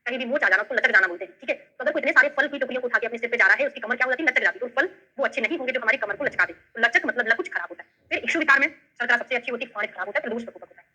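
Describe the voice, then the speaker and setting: A woman's voice: a little high, lively intonation, very fast, hardly any pauses, sharp tone, low-quality recording. A woman with a Bundelkhandi accent teaching an online lesson, explaining step by step and checking in with her students. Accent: Bundelkhandi Hindi. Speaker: Ayurveda tutor. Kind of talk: online lesson with memory tricks.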